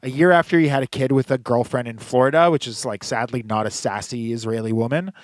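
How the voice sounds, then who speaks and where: A man's voice: mid-range voice, fast talker, no room sound. A man co-hosting a podcast in casual chat, rambling with lots of fillers and dry, sarcastic asides. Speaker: podcast co-host.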